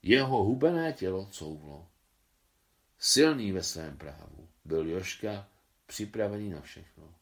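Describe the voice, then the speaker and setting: A man reading a short story aloud in a steady storytelling manner, now and then correcting a slip. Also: low voice. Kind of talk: scripted story narration.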